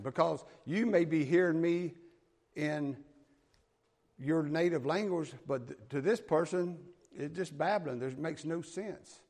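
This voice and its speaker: A preacher from the American South with a Southern US accent reads scripture during a sermon and explains it in a folksy, plain-spoken way. His voice is fairly high and gravelly, with a darkish tone.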